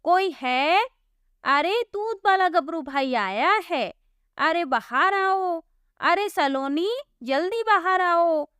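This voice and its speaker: A woman voicing a boastful, rude young village milkman in a storybook cartoon, loud and mocking. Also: extremely high pitch, lively intonation, slow pace, dry recording, studio quality, full character voice. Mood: calling out.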